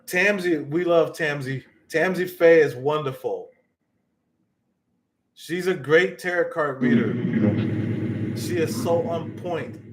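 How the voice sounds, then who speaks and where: A man's voice: a little high, low-quality recording. A man hosting a livestream, chatting casually in a folksy, joking way to viewers and spirits. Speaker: livestream host.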